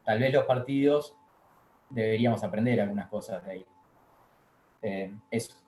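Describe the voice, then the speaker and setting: A man with a Uruguayan accent speaks casually on a video-call panel and trails off at the end. His low, dark voice echoes in a room with faint background ambience. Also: normal speed, slight background noise. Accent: Uruguayan Spanish.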